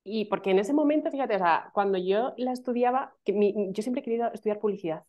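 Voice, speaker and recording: A woman's voice: mid-range voice, fast talker. A woman in her thirties from Spain with a Castilian Spanish accent, a guest chatting casually and animatedly in a video call interview. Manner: chatty, animated, lots of fillers and laughs. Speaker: guest, email marketing specialist. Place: small room at home. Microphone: laptop microphone on video call. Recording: dull lo-fi video call audio.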